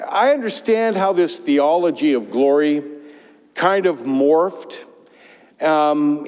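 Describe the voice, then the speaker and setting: Older guy pastor giving a sermon, kinda high voice, chatty asides, lapel mic, long church echo. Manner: conversational, animated preaching with rhetorical asides. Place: large church sanctuary. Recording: church sanctuary reverb.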